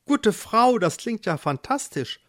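Here the storyteller gives a children's-book voice to a nervous, timid male worker, making him sound anxious and pleading. The pitch is medium with big swings, the pace slightly slow, and the voice pushed up.

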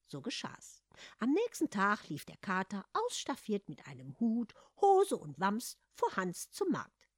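A woman reading a fairy tale aloud in a lively, expressive storytelling manner. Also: medium pitch, a little slow, dry recording, clean studio sound.

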